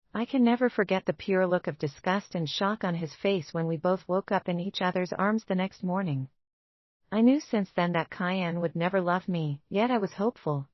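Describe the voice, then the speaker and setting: Low-voiced woman narrating an audiobook. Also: no echo. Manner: earnest, emotional storytelling. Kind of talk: first-person audiobook narration. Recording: dull, dry lo-fi studio voice-over.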